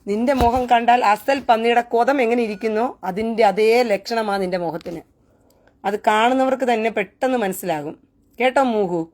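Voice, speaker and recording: A woman's voice: a little high, brisk, a little mellow. Taunting woman on a live stream. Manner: taunting and scornful, repeats jeering questions. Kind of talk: mocking live rant.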